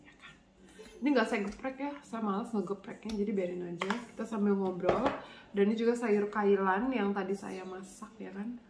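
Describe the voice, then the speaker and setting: A woman speaks with a congested, bunged-up nose that makes her sound nasal. She chats in a colloquial, casual vlog style between bites of food. Her medium-pitched voice sits in a roomy, echoing space with faint background noise. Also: moderate pace. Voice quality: congested, stuffy-nosed nasal voice. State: blocked nose from a cold. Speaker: vlogger, channel host. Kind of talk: casual chat while eating, mukbang vlog.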